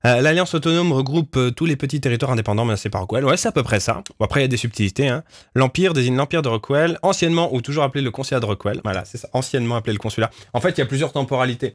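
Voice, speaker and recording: Animated French-speaking man, dry close sound. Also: mid-range voice, no room sound. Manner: animated, swears often, exclaims loudly in disbelief; explanatory, with many filler hesitations. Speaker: creator of a fantasy universe reacting to fan theories. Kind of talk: casual livestream reading and commentary.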